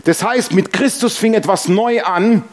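A middle-aged man from Germany preaching a sermon and telling lively personal anecdotes. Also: high-pitched, a little slow. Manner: animated storytelling, mimics honking and quarrels. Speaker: pastor.

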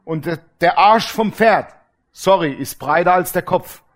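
A middle-aged male preacher gives a casual sermon with anecdotes, animated and colloquial, acting out the voices of people in his stories. His voice is high-pitched and his pace measured.

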